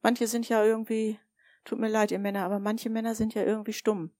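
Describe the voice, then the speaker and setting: A woman's voice: fairly high pitch, little pitch movement, brisk, no room sound, studio quality. A woman preaching a sermon, telling stories and asking her listeners direct questions. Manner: warm, storytelling, addresses listeners directly with questions.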